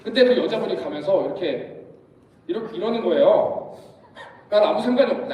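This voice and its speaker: A man's voice: high voice, mellow. A young man preaching at a youth retreat, telling stories and acting out the voices of the people in them. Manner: storytelling, acts out voices of people in his anecdotes. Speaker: youth pastor. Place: large church hall. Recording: echoey hall, voice from far off.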